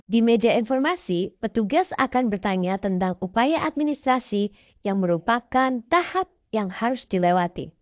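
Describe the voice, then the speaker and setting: A woman's voice: fairly high pitch, animated, normal speed, dry recording. A woman narrating a scripted explainer in the manner of a presenter with casual asides. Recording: dull, dry voice-over.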